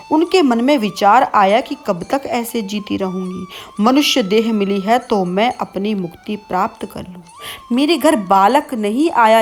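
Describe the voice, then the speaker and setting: A woman giving a devotional sermon, calm and explanatory, teaching through everyday comparisons. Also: medium pitch. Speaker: religious discourse speaker.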